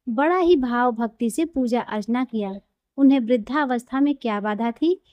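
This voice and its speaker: Female storyteller, fairly high and mellow, dry close sound, reverent scripted reading. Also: dry recording. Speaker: devotional storyteller. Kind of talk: scripted devotional story narration.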